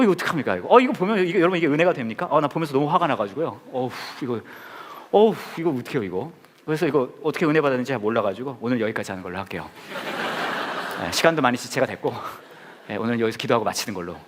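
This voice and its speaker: A man's voice: medium pitch, slight background noise. A man in his forties preaching a playful sermon, joking and acting out scenes with his congregation.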